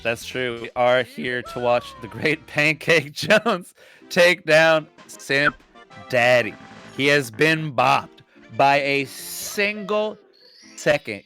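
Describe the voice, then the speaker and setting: Young male caster, relaxed and slangy, bright tone, unhurried delivery. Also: fairly high pitch. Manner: laid-back, slangy, rambling. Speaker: speedrun commentator. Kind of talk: casual live game commentary.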